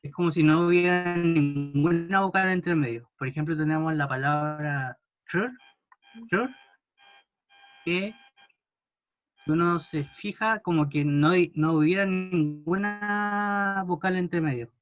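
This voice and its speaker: A man teaching a language class, patiently modelling words slowly for students to repeat. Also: fairly high pitch, dull audio, faint music behind. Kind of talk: classroom pronunciation lesson.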